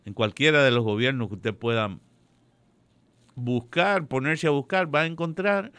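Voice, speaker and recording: A man giving political commentary on a radio show, measured and prone to correcting himself. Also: medium pitch, a bit bright, clear, resonant tone, no room sound. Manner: measured, digressive, self-correcting.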